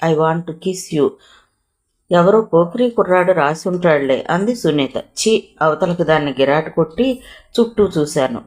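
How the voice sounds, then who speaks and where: A woman's voice: low voice, darkish tone. Woman reading a story aloud. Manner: reads a first-person story, briefly acting out the quoted voices. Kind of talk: scripted story narration.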